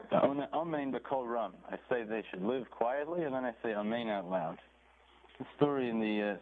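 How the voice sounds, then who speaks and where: A man teaching a Torah class, reading phrases from a text, translating them, and retelling the story with animation. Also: medium pitch. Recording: tinny phone-like recording with faint noise.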